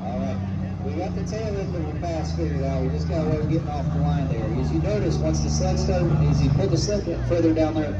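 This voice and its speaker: A man working as a tractor pull announcer, calling the event live over a public address loudspeaker at an outdoor fairground. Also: a little high, fast talker, far from the mic. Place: outdoor fairground grandstand at evening. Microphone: announcer's PA picked up from the stands. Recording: echoey dull PA from afar, loud crowd, engines. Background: loud crowd and vehicle noise.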